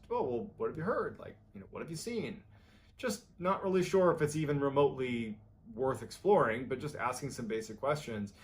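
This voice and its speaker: A man narrating a true story in a casual, conversational way, with a voice of ordinary middle pitch. He acts out what the people in the story said, his voice rising for the urgent lines. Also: a little hiss or hum. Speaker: storyteller host.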